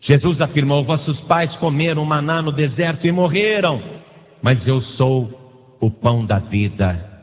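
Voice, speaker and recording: A man with a Brazilian Portuguese accent preaching a sermon as pastor, building emphatic repeated lists and then dropping low and slow. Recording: echoey hall over a tinny lo-fi line.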